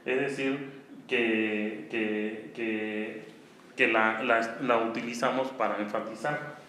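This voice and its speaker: A man's voice: fairly low pitch, steady tone, slow pace, bright, forceful tone. Mexican man teaching in an echoey room. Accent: Mexican Spanish. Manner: explanatory, repeats checks like "¿sí?". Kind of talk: online class lecture on Spanish grammar. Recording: very echoey room, faint noise.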